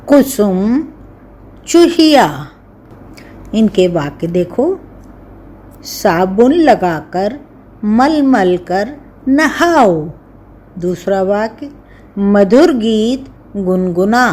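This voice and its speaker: Very slow, careful woman teacher. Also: medium pitch, warm tone. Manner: very slow, careful, drawn-out word by word. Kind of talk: slow dictation of words and sentences.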